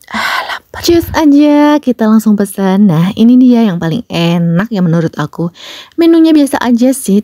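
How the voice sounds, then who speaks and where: A woman's voice: medium pitch, warm tone, no echo, studio quality. A young woman, a homemaker from Indonesia, chatting playfully in a casual vlog voice-over to other mothers. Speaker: vlogger and homemaker.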